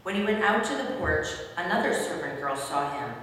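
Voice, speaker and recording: A woman's voice carries from a distance through a very echoey hall. She narrates scripture formally, with a lowish pitch, as the reader of a dramatic story. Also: animated, brisk, a bit bright, slight background noise. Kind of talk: scripted dramatic Bible reading.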